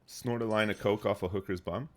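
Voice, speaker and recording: Brisk and steady in tone, his low-leaning voice carries a phlegmy edge as he rambles in reply to chat. He's a man in his thirties streaming a game live in casual conversation.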